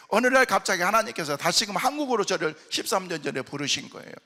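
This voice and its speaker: A middle-aged male pastor preaching a sermon, telling stories and acting out the dialogue. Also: sits high. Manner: storytelling, animated, acts out dialogue. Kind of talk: sermon with anecdotes. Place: large worship hall at a prayer retreat. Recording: long hall reverb.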